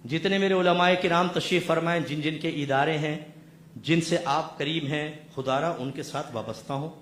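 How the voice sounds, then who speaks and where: A man preaching a sermon as a mufti, impassioned and swinging from soft speech to loud exhortation, calling his listeners his children. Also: fairly high pitch, echoey room, a little hiss or hum. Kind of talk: sermon to a gathering.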